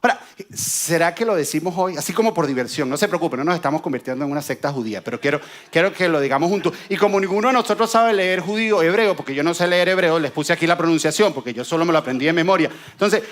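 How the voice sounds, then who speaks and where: High-voiced man preaching a lively sermon. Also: quick pace, few pauses. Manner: animated, joking with the congregation.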